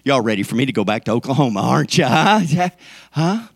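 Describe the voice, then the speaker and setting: A man's voice: medium pitch, sing-song, quick pace, gravelly, no room sound, clean studio sound. A man preaching a sermon to his congregation, folksy and joking, swinging up into emphatic peaks. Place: church sanctuary.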